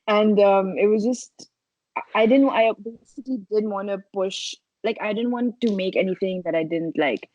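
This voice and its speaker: A woman's voice: medium pitch, normal speed, a little mellow, no echo. A woman chatting casually as a podcast guest, informal and hesitant as she explains herself. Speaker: podcast guest, social media video creator. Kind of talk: casual chat. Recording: dry, slightly dull audio.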